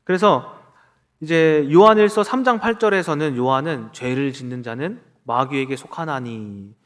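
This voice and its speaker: Animated preaching man. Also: on the high side, normal speed. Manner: animated preaching, acting out quoted dialogue. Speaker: pastor. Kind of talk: sermon.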